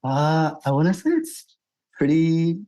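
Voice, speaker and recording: A man's voice: on the high side, very animated, measured pace, warm tone, poor audio. A man in his twenties from Quebec, chatting as a radio guest in a hesitant way, with many fillers. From Quebec, Canada. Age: 20s. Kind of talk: casual radio interview.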